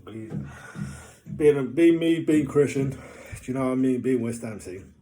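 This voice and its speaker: A man's voice: medium pitch, animated, a little slow, warm tone. A man talking casually to camera as a vlogger, upbeat and jokey, rambling with plenty of fillers. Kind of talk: casual vlog monologue.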